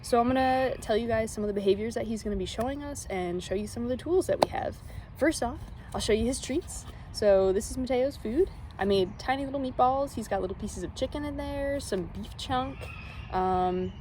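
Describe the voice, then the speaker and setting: A woman's voice: a little high, darkish tone, slight background noise. A woman zookeeper giving an informal educational demonstration in simple, child-friendly, casual language. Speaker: zookeeper and animal trainer.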